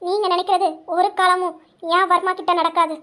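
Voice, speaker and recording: A woman playing a loyal young wife in an audio drama, her voice very high and bright. She stands her ground steadily and without flinching. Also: fairly quick. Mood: defiant. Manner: steady, defiant. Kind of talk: amateur Tamil audio drama.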